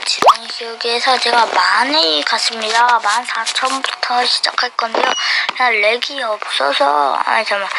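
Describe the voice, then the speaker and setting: A woman's voice: on the high side, vocal fry. A woman chatting playfully while commenting on a mobile game she is playing. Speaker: gamer. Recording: noisy phone recording.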